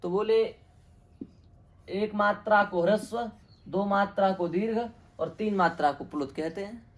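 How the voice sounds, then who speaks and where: A man's voice: high-pitched, measured pace. A man teaching a Sanskrit grammar lesson, asking questions and answering them himself, repeating each term.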